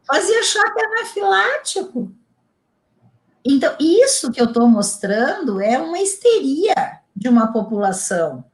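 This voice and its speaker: Speaking a little slowly in a voice that sits high, a middle-aged Brazilian woman from Rio Grande do Sul shares stories in a relaxed interview. She works as an integrative therapist and narrates with animated emphasis, often repeating herself.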